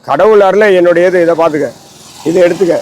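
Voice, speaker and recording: A man's voice: high-pitched, fast talker, darkish tone, rough recording. A man speaks as an ascetic holy man, outdoors beneath a tree. His talk is rambling and preachy, circling back to his grievances as he lectures. It is an impassioned interview monologue. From Tamil Nadu.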